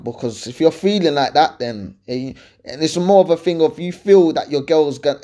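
A man's voice: mid-range voice, dark tone. A man with an urban London roadman accent hosting a casual advice podcast, speaking colloquially and emphatically, often repeating points and checking that the listener follows. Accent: London, urban roadman slang. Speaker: podcast host answering listener questions.

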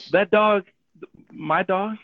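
A man telling a personal story and drawing a faith lesson from it, animated, acting out the people he quotes and often adding "right?". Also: high-pitched, no room sound. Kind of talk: casual radio talk. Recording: tinny phone-like radio audio.

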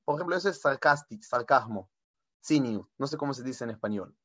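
A man giving an informal spiritual talk as a rabbi, lively and animated, often correcting himself and mixing in Hebrew words. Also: mid-range voice, quick pace, no room sound, lo-fi sound.

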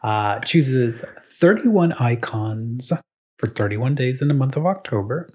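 A man's voice: mid-range voice, expressive, unhurried, warm tone, slightly rough. A young man co-hosting a casual podcast, bantering and running a playful trivia quiz. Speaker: podcast co-host. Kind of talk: casual chat.

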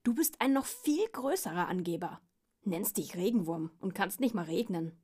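Woman doing a bragging stubborn pug dog, loud and blustering, high and shouty, husky storybook voice. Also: lively intonation, moderate pace. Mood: scornful.

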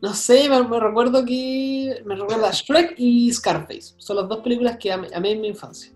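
A young man with a Chilean accent, a guest telling stories in a casual interview, full of slang and quick asides. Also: very high voice, reverberant, faint music behind. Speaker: guest, content creator.

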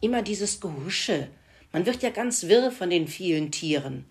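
A woman's voice: fairly low pitch, expressive, a little slow. A woman doing a fussy clucking hen. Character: fussy, easily annoyed hen.

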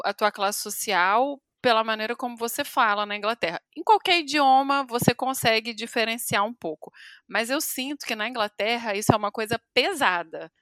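Woman co-host, bright tone, chatty, dry close recording. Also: a little high, no room sound. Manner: quick, chatty, jumps in with remarks. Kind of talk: casual chat.

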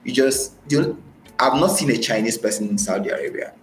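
Brisk and expressive, a man from Nigeria with a Nigerian accent recounts his experiences in a podcast interview, repeating phrases often for emphasis. His voice is mid-range. Faint music and a roomy echo are audible.

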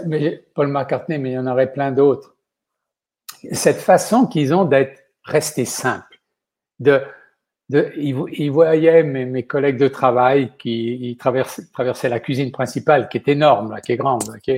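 An older chef with a Quebec French accent rambles as a guest in a casual interview, frequently ending sentences with "ok?". His voice is medium-pitched with a darkish tone.

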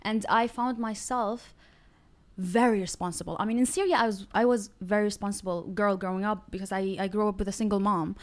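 Young adult woman from Iraq, animated and chatty guest in an interview. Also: mid-range voice, brisk. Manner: animated, laughing storyteller. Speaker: YouTuber guest. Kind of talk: casual interview chat.

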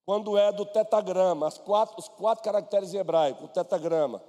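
A man's voice: high voice, brisk, mellow. A man with a Brazilian Portuguese accent preaching a sermon, chatting to the congregation by name and mixing in personal stories. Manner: conversational preaching, addresses listeners by name. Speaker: pastor. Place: church hall. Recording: long hall reverb.

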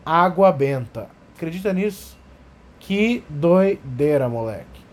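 High-voiced animated man. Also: slow. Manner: animated, profane, acts out scenes. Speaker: podcast talker. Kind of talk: casual comedic storytelling.

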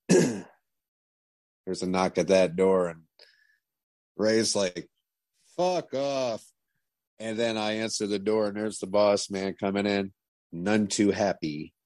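Man, low voice, rambling, swearing, acts out quotes, dry sound. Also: steady tone, slow pace, long pauses, darkish tone, no echo. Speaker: touring drum tech guest. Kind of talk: casual storytelling.

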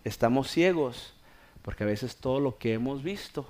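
A man from Mexico, a pastor, preaching a sermon that swings from quiet, close talk to loud, fervent preaching. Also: mid-range voice, expressive, moderate pace. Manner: acts out scenes with playful voices.

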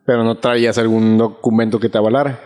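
Dry-witted host in a reverberant room. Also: male voice, medium pitch, little pitch movement, fast talker, darkish tone. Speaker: podcast host. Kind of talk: casual interview chat.

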